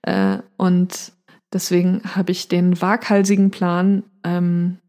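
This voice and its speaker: A woman co-hosting a casual podcast, musing hesitantly with many pauses. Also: fairly low pitch, level tone, mellow. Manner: hesitant, many fillers, reflective. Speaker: podcast co-host. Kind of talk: casual chat.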